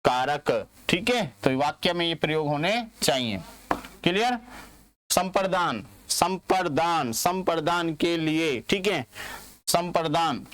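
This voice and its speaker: A man from India teaching a grammar lesson, who asks questions and answers them himself and repeats words slowly. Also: a little high, expressive, fairly bright tone.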